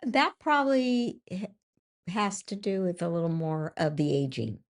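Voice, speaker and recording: An older woman co-hosts a podcast with her husband. She talks slowly and reflectively, often stopping and starting over, and her lowish voice has a gravelly edge. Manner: hesitant, reflective, many restarts. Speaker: podcast co-host. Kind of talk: casual chat.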